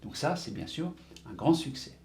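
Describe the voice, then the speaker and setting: A man's voice: a little high, lively intonation, moderate pace, a little mellow, echoey room, soft background music. A man presenting a video lesson on teaching writing to young pupils, hesitant, with many fillers, spelling words out letter by letter. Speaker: teacher trainer presenting a reading method.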